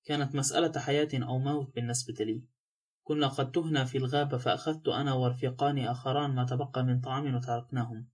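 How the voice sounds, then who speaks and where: A cynical adventurer talks with dry mockery and no remorse, voiced by a man reading an audiobook. His words come quickly and flatly. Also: medium pitch, natural voice. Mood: sardonic. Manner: dry, sardonic. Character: cynical, mocking male adventurer.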